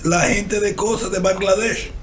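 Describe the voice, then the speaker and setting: Animated older man with a high voice. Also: unhurried, echoey room, a little hiss or hum. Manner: animated, challenging, rhetorical questions. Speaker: panelist. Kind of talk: TV panel discussion. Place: TV studio. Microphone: desk microphone.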